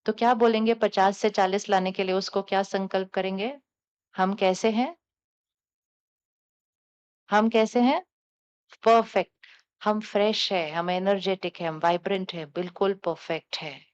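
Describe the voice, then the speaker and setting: A woman spiritual teacher giving a calm, coaxing talk to a live audience, putting questions to the listeners and repeating affirmations. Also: mid-range voice, clear, resonant tone. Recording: dull lo-fi sound.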